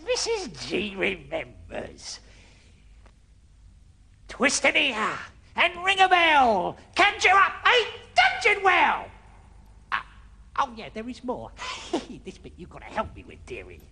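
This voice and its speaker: A crackly cackling old crone. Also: female voice, high voice, wildly swooping pitch, slow, vocal fry, sharp tone, heavily acted. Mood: wheedling. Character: cackling old woman, dungeon housewife, sly and wheedling. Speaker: character in a TV dungeon game.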